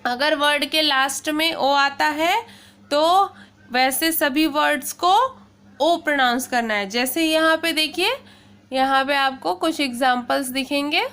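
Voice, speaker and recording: Her voice sits high and has a sharp tone as she addresses children in a classroom-style pronunciation lesson. She spells words letter by letter, explains slowly and carefully, and often checks in with "okay".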